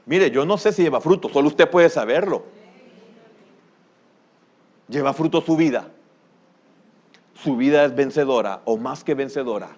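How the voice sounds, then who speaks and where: An older man preaching a sermon as pastor, with a Salvadoran Spanish accent, who bursts into loud exclamations and then drops to a low murmur. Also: expressive, a little slow, long pauses, muffled recording.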